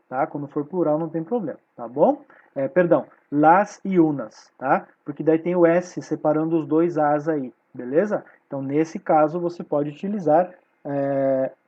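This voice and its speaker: A woman's voice: fairly low pitch, muffled recording. A woman with a Brazilian Portuguese accent teaching a Spanish class online. She explains patiently and keeps checking in with her students.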